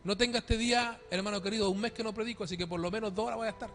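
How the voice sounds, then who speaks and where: Pastor, male, high-pitched, dynamic preacher asking questions, faint music behind. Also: fairly even intonation, racing, fairly bright tone. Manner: dynamic preaching, calls for amen, rhetorical questions. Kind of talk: sermon. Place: church.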